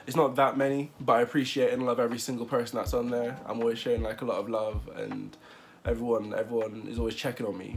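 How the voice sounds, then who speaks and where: A man of twenty-one chatting casually in a vlog interview, rambling with fillers and frequent laughs. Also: medium pitch. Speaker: vlogger.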